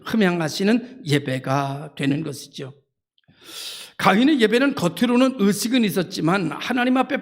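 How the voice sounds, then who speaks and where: A middle-aged man preaching a Sunday sermon as pastor, building to high emphatic repetitions and acting out the voices of churchgoers and God. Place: church sanctuary.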